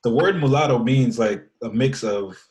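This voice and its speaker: A man's voice: mid-range voice, normal speed, a little mellow, poor audio. A man co-hosting a podcast in casual chat, talking thoughtfully and often trailing off or restarting his thoughts. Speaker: podcast co-host.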